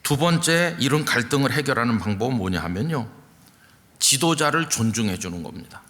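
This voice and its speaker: A man's voice: medium pitch, expressive, fairly quick, sharp tone. A male senior pastor preaching a sermon in a conversational, storytelling way. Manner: conversational storytelling with acted quotes. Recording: long reverb from a large hall.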